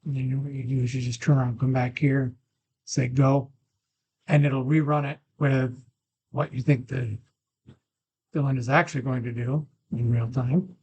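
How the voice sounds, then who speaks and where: A man's voice: medium pitch, flat delivery, normal speed, long pauses, darkish tone. A man presenting an informal screen-share tutorial, thinking aloud in a casual, off-the-cuff way, a little muffled on a makeshift mic. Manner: informal, thinking aloud, occasional throat clearing. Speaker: poker strategy video presenter. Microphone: makeshift mic, not a dedicated one. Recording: muffled, without a proper microphone.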